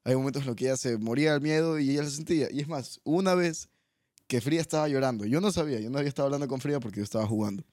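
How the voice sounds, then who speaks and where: A young man tells stories as a podcast guest, in an animated way and often laughing. His voice sits at a middling pitch, and the sound is dry and close. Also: very fast, dry recording. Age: young adult. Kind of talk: casual chat.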